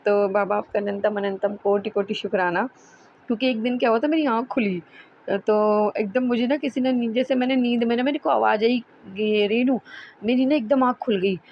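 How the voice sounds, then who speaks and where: In a brisk, fairly high voice, a woman recounts a devotional satsang testimony to listeners, rambling and chatty, frequently breaking off to correct herself mid-word and start again. She turns earnest and pleading when addressing her guru. The recording is dull and lo-fi, with faint hiss underneath.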